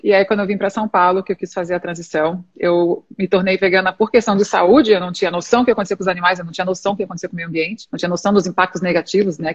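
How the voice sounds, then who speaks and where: Fast-talking woman. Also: on the low side. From Santa Catarina, southern Brazil. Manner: lively storytelling, frequent "né?". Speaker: podcast guest, entrepreneur and chef. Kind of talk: casual interview talk. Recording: dull lo-fi audio.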